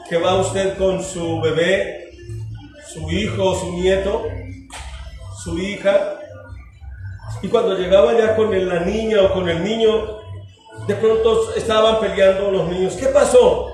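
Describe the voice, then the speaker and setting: A pastor preaches to his congregation in a fairly high voice, asking questions and acting out little scenes. He speaks slowly and deliberately. He is heard from a distance in a very echoey church hall, with music playing behind him. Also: steady tone, a little mellow. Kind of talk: sermon.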